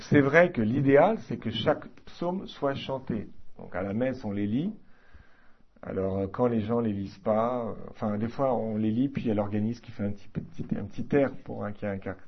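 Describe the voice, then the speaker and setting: A man teaching a class on liturgy in an informal, halting way, with many fillers and restarts. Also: medium pitch, dull audio.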